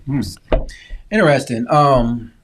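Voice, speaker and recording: A man hosting a casual political talk podcast, reading viewer comments aloud in a relaxed, lightly teasing way. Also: mid-range voice, takes it slowly, background noise. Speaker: podcast host.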